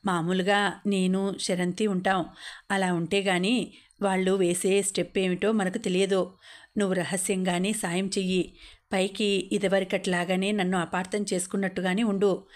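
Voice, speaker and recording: A woman voices a calm, sensible young woman in an audiobook story. She speaks in a measured, gently firm way, at an even middle pitch. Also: lightly acted. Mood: composed.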